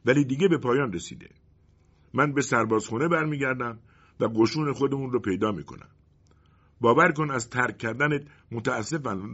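A man's voice: mid-range voice, fairly bright tone, husky, lo-fi sound, voice pushed up. A man voicing the shadow of an old colonel, speaking solemnly and reproachfully.

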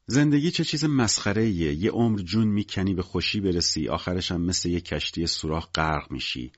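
A man's voice: sits low, expressive, dry recording, muffled recording. A man voicing a weary, menacing gangster in an audiobook, curt and cynical in everyday speech. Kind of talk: audiobook character voice.

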